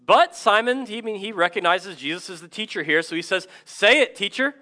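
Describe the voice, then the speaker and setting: Bright-voiced energetic male preacher. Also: sits high, brisk. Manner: energetic, conversational preaching with asides and self-deprecating stories. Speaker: pastor. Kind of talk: sermon.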